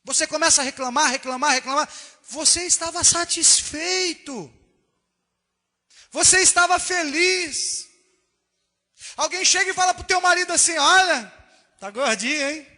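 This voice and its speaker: A man preaches with a Brazilian Portuguese accent in a very high, piercingly bright voice. He delivers an animated sermon, slipping into acted-out voices. The recording carries the long echo of a church hall. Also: normal speed, long pauses. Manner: animated, acts out quoted voices. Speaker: pastor. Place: church sanctuary.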